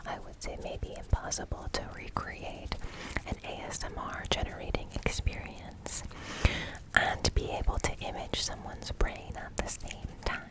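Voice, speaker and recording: A woman giving an ASMR science explainer in a breathy whisper, often repeating single words softly for tingly effect. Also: measured pace, low-quality recording. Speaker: ASMR host explaining research.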